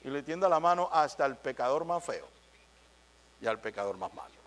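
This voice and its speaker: Lively high-voiced man preaching a sermon. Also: normal speed. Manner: animated, acts out little dialogues with shifting voices.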